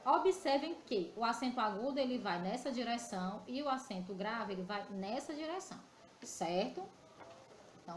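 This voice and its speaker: A woman's voice: a little high, a bit bright. A Brazilian woman teaching a recorded grammar lesson to primary school children. She explains patiently and often checks in with the class. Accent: Brazilian Portuguese. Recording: echoey room with faint background noise.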